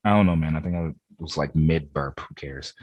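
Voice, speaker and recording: A man's voice: very deep voice, brisk, no echo, dull audio. A man co-hosting a gaming podcast, talking casually and rambling with lots of fillers over a remote call. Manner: relaxed, rambling with many "like" fillers. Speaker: podcast co-host.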